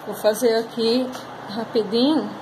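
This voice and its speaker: A woman's voice: on the high side, fairly even intonation, unhurried, background noise. A woman teacher going over a class exercise, patiently explaining step by step and drawing out words. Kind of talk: recorded class lesson correcting exercises.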